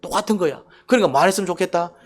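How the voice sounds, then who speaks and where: A male pastor preaching a sermon in a church, animated, often asking the congregation questions. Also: high-pitched, rapid-fire.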